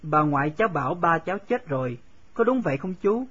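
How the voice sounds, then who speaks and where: A man's voice: on the high side, big pitch swings, fairly quick, a bit bright, breathy edge, muffled recording, heavily acted. A man reading the part of a stubborn little schoolgirl who keeps pressing with questions. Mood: pleading. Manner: insistent, sulky questioning. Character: stubborn pleading little girl, fifth grader.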